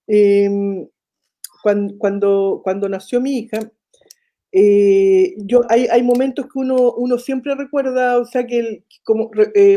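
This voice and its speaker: A middle-aged woman with a Chilean accent tells her story in an animated way, slipping into the voices of the people she quotes. Her voice sits a little high and sounds warm and mellow. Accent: Chilean Spanish. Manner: animated, acts out quoted dialogue. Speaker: foundation founder and mother. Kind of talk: interview storytelling.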